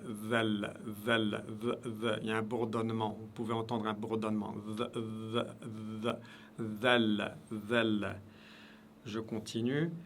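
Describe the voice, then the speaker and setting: A man's voice: medium pitch, gravelly, slight background noise. A man teaching Arabic letter pronunciation, repeating each sound in patient drills. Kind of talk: pronunciation lesson.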